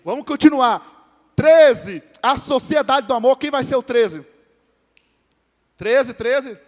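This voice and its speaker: High-voiced Brazilian pastor in a reverberant church. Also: male voice, takes it slowly. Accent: Brazilian Portuguese. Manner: conversational preaching with frequent calls to the congregation; jokes with named members of the congregation. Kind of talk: sermon. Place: church hall.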